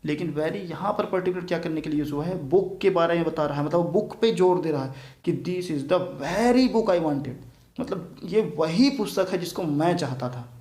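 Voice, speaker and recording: A grammar teacher from Chhattisgarh, India, lectures his class in an echoey room, speaking a little fast and high with a darkish tone and hardly any pauses. He is patient, constantly tacking on tag questions to check that students understand.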